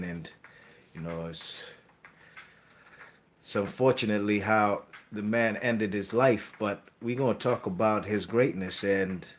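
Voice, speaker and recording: A man's voice: lowish voice, slight background noise. A man hosting a boxing channel, talking casually about boxing history in a rambling way, correcting himself and tagging lines with "you know what I mean".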